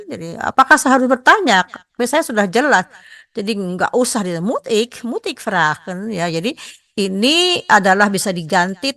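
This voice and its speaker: An older woman teaching a radio language lesson, explaining and slowly repeating Dutch phrases. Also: mid-range voice, fairly bright tone, no echo, clean studio sound.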